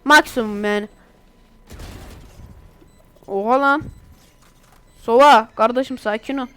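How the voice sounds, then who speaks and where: High-pitched woman, casual gameplay commentary, chatty, excitable, exasperated outbursts. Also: takes it slowly, smooth. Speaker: gaming YouTuber.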